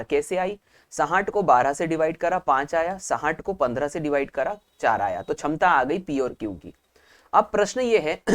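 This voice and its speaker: A male teacher giving a math lesson for exam prep, explaining step by step and asking questions aloud that he then answers himself. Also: a little high. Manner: explains step by step, repeating key points.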